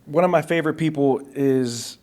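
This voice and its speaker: A man's voice: on the high side, normal speed, a little mellow. A man speaking as a podcast guest, telling his story openly and bluntly, often saying "man". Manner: open and blunt, sprinkles "man". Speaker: guest, coach and public speaker. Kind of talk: candid interview storytelling.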